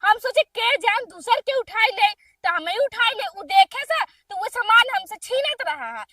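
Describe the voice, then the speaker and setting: High, quarrelsome Awadhi village woman. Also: big pitch swings, normal speed, distant mic, over a noisy crowd. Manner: quarrelsome, defiant. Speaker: wife in a village comedy sketch. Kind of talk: rustic comedy acting.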